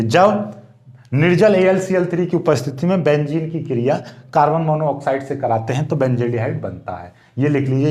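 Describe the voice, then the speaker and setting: A man's voice: fairly high pitch, darkish tone, echoey room. A man teaching chemistry, explaining each step and asking questions to his students. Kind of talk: board exam lecture.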